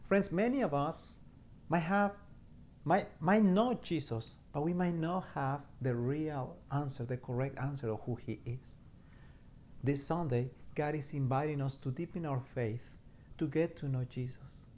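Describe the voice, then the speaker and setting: Earnest priest. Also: male voice, a little high, measured pace, a little mellow, a little hiss or hum. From Mexico. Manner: earnest, repeats words while searching for them. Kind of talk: short homily.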